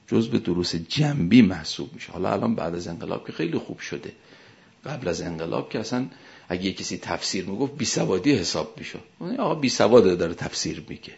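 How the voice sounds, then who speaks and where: A man preaching a sermon as a cleric, emphatic, his voice swelling and dropping sharply in loudness. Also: fairly low pitch, vocal fry, highs cut off.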